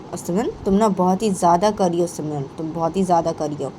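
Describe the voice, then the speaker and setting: A woman voicing a stern middle-aged mother who scolds in a low voice and keeps repeating her daughter's name. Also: quick pace, warm tone, a little hiss or hum, lightly acted, rough recording. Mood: scolding.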